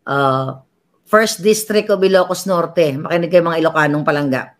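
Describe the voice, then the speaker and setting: A woman's voice: deep voice, normal speed. Woman, livestream commentator; sneering, mocking delivery, reads viewer comments aloud. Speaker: political commentary vlogger. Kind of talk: casual political commentary livestream.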